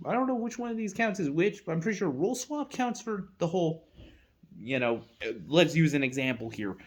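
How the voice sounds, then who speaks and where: A fandom video creator talking off the cuff in a rambling, giggly way, correcting themselves often and breaking into laughter. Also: medium pitch. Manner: rambling, giggly, lots of self-corrections and asides. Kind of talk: casual rambling commentary.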